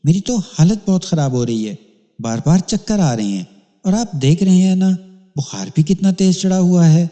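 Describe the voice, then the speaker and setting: A man voicing a sick, feverish young woman who speaks softly and pleadingly in a storybook thriller. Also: high-pitched, lively intonation, in a large hall, pitched above the performer's own voice. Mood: weak, pleading. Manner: soft, pleading.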